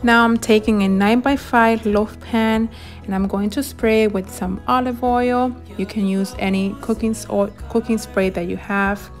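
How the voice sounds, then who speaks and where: A woman narrating her home decorating and baking in a gentle, enthusiastic voice-over, walking through each step. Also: on the high side, fairly even intonation, moderate pace, soft background music. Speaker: home and cooking vlogger.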